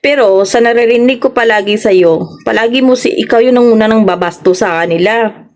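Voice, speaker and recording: A woman vlogger with a Filipino accent giving her reaction, scolding someone with a string of sharp rhetorical questions. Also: a little high, brisk. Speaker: vlogger reacting to online drama. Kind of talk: casual reaction commentary.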